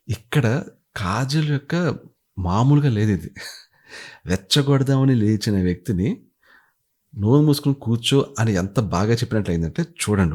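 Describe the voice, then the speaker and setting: Husky man recapping with animated retellings. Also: lowish voice. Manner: animated retelling, acting out quotes. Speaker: show reviewer. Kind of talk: casual commentary.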